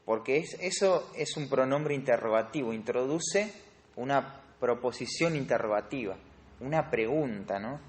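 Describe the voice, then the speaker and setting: A man's voice: medium pitch, expressive, normal speed. A man with a Rioplatense Spanish accent teaching a Bible study class on grammar, explaining step by step and quizzing his students. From Argentina. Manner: explanatory, asks the class questions.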